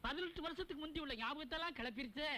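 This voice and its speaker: A middle-aged actor playing a soft-hearted father who dotes on his daughter and falls for their houseguest, in a fond, fussy manner. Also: extremely high pitch, rapid-fire. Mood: dreamy. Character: soft-hearted widowed father, smitten and foolish. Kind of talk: Tamil film comedy acting.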